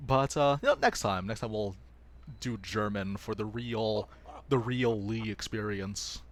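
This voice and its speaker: A man's voice: lowish voice, measured pace. A man streaming himself playing a game live, chatting playfully with his viewers and joking at his own expense. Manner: laughs often. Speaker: gaming livestreamer. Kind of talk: casual live gameplay commentary.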